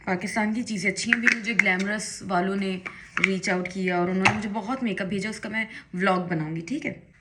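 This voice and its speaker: A young Pakistani woman vlogs while doing her makeup at home, chatting casually in a get-ready-with-me style. Her mid-range, slightly bright voice is chatty and emphatic, breaking into indignant bursts, with a little hiss or hum in the audio.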